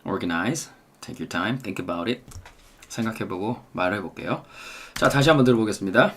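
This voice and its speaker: Korean-accented male English tutor, lowish voice, slow deliberate drills. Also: lively intonation, a bit bright, slight background noise. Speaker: English teacher. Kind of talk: language lesson.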